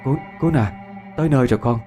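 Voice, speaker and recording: A man's voice: mid-range voice, racing, music in the background, voice pushed up, lightly acted. A man voicing a worried rural mother who stammers as she comforts her child. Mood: gentle.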